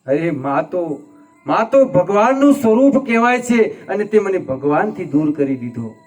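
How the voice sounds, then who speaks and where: A man's voice: high voice, sing-song, moderate pace, faint music behind. A man voicing a young grieving prince who reproaches himself with tearful, impassioned pleading. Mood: anguished.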